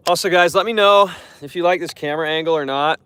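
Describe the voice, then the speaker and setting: A man's voice: fairly high pitch, fast talker, a bit bright, clear, resonant tone, dry recording. A young man chatting casually to his live stream viewers while fishing from a boat on a lake, rambling and repeating himself. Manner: rambling, repeats words, talks to chat.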